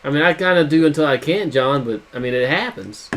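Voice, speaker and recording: A man's voice: a little high, expressive, fairly quick, a bit bright, slight background noise. A man co-hosting a casual podcast, joking and teasing his friends. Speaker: podcast co-host.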